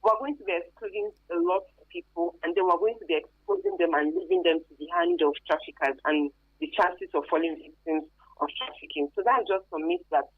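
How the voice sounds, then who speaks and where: A Nigerian-accented woman, interviewed as an expert on human trafficking, explains her points with spontaneous emphasis. Her fairly low voice is expressive and breathy-edged, and she talks a little fast. The audio has no echo but comes through a thin phone call.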